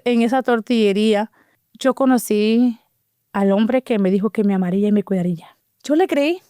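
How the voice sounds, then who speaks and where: Middle-aged woman, fairly high voice, smooth and clear, dry close sound, lively storytelling interview guest. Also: no echo. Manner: animated storyteller who acts out quoted dialogue. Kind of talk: emotional personal life story.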